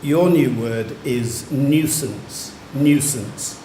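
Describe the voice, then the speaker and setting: Guy calling out spelling bee words nice and slow, big roomy hall, bit of faint background hiss. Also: mid-range voice, dark tone. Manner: slow, careful enunciation of each word. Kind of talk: reading words, definitions and sentences aloud. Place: large museum hall. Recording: echoey hall, faint room noise.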